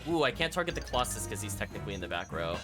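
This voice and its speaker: A man with a lowish voice and big pitch swings talks very fast while live-streaming a video game, thinking aloud and chatting with viewers. Video game music plays behind his voice.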